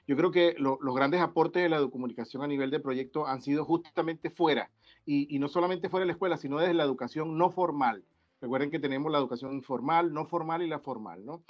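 A man in his forties speaks on an academic video-call panel, his voice sitting a little high for a man. He talks haltingly, circling back through restarts and fillers. The call audio is dull and lo-fi. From Venezuela. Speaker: guest researcher. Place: indoor room.

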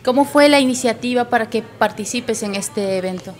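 A woman's voice: on the high side, normal speed. Upbeat woman reporter in a café. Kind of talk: interviewing. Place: small café music venue, indoors. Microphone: handheld mic.

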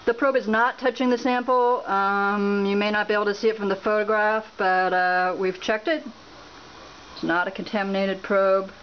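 Indoors at home beside a laptop, a woman who vlogs about home radiation monitoring films the screen and reads out measurement numbers unscripted, with lots of pauses and fillers. Her mid-range voice stays level, and the audio is dull with a faint hiss or hum.

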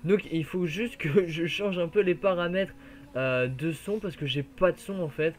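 A man giving jokey, excitable play-by-play of a racing game, his voice worn from being ill. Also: fairly high pitch, moderate pace. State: voice worn from illness. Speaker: gaming YouTuber.

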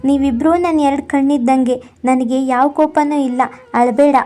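Cartoon heroine, young woman, gentle and forgiving; woman performer, high pitch. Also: steady tone, normal speed, close to an everyday voice. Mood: comforting. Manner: gentle, reassuring. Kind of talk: cartoon voice acting.

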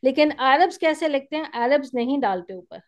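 A woman's voice: high-pitched, animated, fairly quick. A woman teaching an Arabic grammar class online, explaining patiently step by step and often checking that students follow. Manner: patient, explains step by step with frequent "theek hai?".

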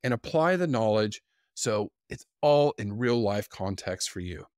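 A man in his forties introducing an online course to camera in an upbeat, teaching manner, speaking into a boom-arm studio mic in a small indoor studio. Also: unhurried, dry recording. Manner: upbeat, lively teaching delivery. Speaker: course instructor.

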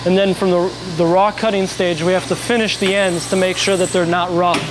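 High-voiced man explaining on a noisy factory floor. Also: brisk. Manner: plain, informative, steady explainer. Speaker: factory guide explaining brush making. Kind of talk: on-site factory tour explanation. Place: factory floor with machines running.

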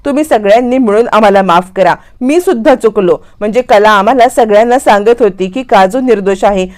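A woman's voice: medium pitch, fairly quick, a little mellow, lightly acted. A woman voicing an earnest, apologetic young husband in a retold serial scene, talking in a pleading way.

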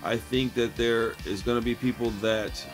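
A man's voice: medium pitch, normal speed, music in the background. A man in his late thirties giving a casual, chatty horror movie review from his home, often calling the listener "man". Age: 30s. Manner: relaxed and chatty, says "man" a lot. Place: home room lined with shelves of records and films.

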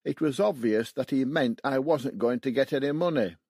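A man's voice: mid-range voice, normal speed, darkish tone, husky, dry recording, clean studio sound. A man in his seventies from West Yorkshire, reading his own memoir aloud in a plain, matter-of-fact way. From West Yorkshire, England. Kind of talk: audiobook memoir narration.

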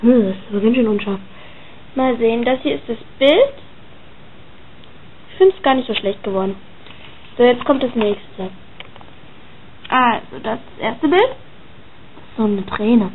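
A woman's voice: fairly high pitch, expressive, measured pace, pauses often, slight background noise. A woman chatting casually and hesitantly as she comments on her own drawings and reads their captions aloud. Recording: tinny phone-like sound.

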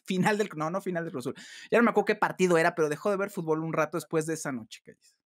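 A man talks at a quick clip in a relaxed two-person chat. He tells stories with lively, animated delivery and acts out the voices of the people he describes. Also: fairly high pitch, no room sound, clean studio sound. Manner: animated storyteller, acts out quoted shouts. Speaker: podcast co-host. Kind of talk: casual chat.

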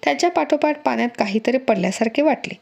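A woman reading a novel aloud as a first-person storyteller, with an expressive, dramatic delivery. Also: high voice, quick pace, creaky. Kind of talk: audiobook narration.

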